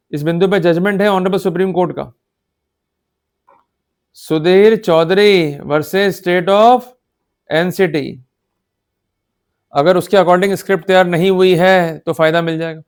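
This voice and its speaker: In a high, smooth voice, a man with an Indian accent delivers a law lecture in Hindi laced with English legal terms. He keeps a measured pace and pauses often, teaching emphatically and repeatedly asking short questions to make sure listeners are following.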